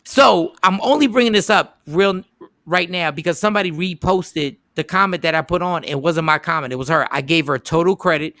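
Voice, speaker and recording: A man hosting a radio show, retelling a story in an animated, casual way and stopping to repeat the lines that matter. His voice is bright and a little gravelly, and the sound is dry and close to the mic. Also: on the high side, a little fast, no room sound.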